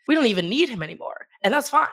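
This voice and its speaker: A woman co-hosting a podcast in casual chat, gushing and animated, laughing often. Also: on the high side, quick pace. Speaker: podcast co-host.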